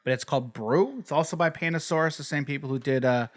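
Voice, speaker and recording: A young man co-hosting a casual board game podcast, rambling with lots of fillers and letting his sentences trail off quietly. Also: fairly high pitch, fast talker. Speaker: podcast co-host. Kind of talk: casual chat about board games.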